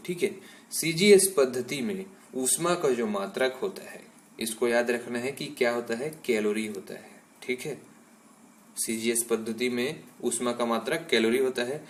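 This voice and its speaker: A male school science teacher giving a classroom lecture, explaining step by step and checking in with students after nearly every point, mixing English terms into his explanations. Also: medium pitch.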